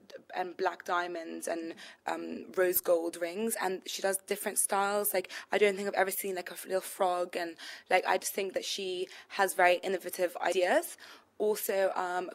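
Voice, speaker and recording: A woman's voice: lowish voice, creaky. A young woman, a shop co-founder answering interview questions casually with many "um" and "like" fillers. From London. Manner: chatty, full of "um" and "like" fillers. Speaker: e-boutique co-founder and buyer.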